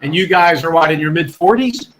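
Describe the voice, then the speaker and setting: A former radio broadcaster in his 60s rambles as a guest on a call-in show, chatty and prone to restarts. His voice is on the high side and fairly bright, his pace fairly quick, and the recording rough.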